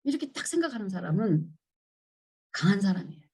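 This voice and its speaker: A woman's voice: mid-range voice, sing-song, quick pace, darkish tone, slightly rough. A middle-aged woman teaching a church women's seminar, acting out her own past pleas as quotes and putting questions to the listeners. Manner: asks the audience questions. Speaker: seminar speaker.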